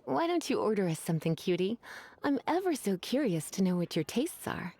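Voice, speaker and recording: A woman's voice: medium pitch, big pitch swings, brisk, mellow, a little hiss or hum. Flirtatious, lilting witch librarian Lisa. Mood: flirtatious, teasing. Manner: teasing, coquettish, refined. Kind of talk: video game voice acting.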